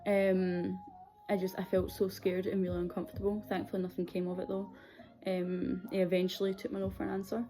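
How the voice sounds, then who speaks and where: A woman's voice: medium pitch, monotone, a little fast, dark tone. A young adult woman with a Scottish accent telling a personal story in a candid, hesitant, conversational way. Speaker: video series host.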